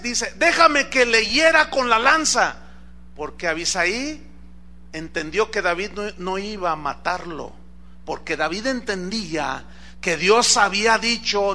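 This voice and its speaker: A male preacher giving a sermon, retelling Bible stories with lively acted-out dialogue. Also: high voice. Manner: animated storytelling, acts out quoted lines.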